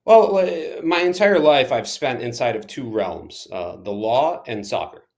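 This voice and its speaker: Answering an interviewer's questions, a Ukrainian-born football club manager and coach talks with emphasis, racing over some phrases and lingering on others. His mid-range voice is a little mellow, with lively intonation.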